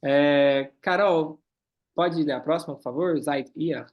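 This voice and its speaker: A man teaching a German class, reading lines slowly and then explaining them quickly. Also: a little high, dull audio. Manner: switches between slow careful German and quick explanations. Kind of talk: online class, reading dialogue and translating.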